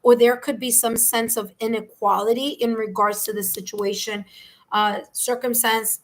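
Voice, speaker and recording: A woman's voice: fairly high pitch, fairly even intonation, moderate pace, rough recording. A woman with a New York accent giving a live-streamed tarot reading, rambling along with frequent "okay?" check-ins and restarts. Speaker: tarot reader.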